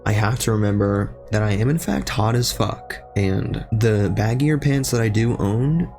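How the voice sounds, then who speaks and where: Gravelly-voiced young man rambling in his basement. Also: fairly low pitch, measured pace, darkish tone, soft background music. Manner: rambling, self-deprecating, sweary, loses his train of thought. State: slightly strained voice. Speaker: streamer and video creator. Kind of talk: rambling casual monologue. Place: basement room at home.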